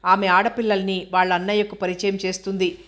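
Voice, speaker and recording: A woman reading an audio novel aloud, voicing a knowing young woman who warns and teases her hostel mate in a flat, even tone. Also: medium pitch, brisk, close to an everyday voice. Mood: teasing warning.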